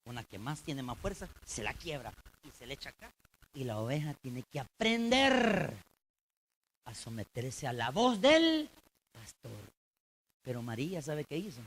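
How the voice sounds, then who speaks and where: A male pastor preaching a colloquial sermon in church, swinging between loud emphasis and low intense tones and addressing the congregation directly. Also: very animated, a little slow, a little hiss or hum.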